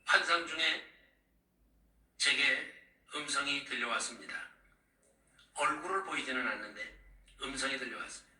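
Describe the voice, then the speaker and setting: Man, middle-aged pastor, sermon, animated, echoey hall, mic at a distance. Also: mid-range voice, moderate pace, long pauses. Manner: animated, calls out to the congregation. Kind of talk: sermon recounting visions.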